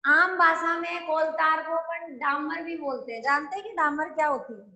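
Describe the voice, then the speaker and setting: A woman's voice: high voice, moderate pace, sharp tone. A woman teaching a chemistry lesson, explaining step by step and often checking that the class follows. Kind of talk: classroom lecture. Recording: echoey room.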